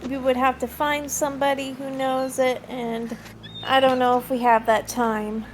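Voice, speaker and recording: A woman's voice: high-pitched, flat delivery, moderate pace, slight background noise, poor audio. A woman playing in a tabletop role-playing game, talking casually in character and out. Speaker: player in a tabletop game show.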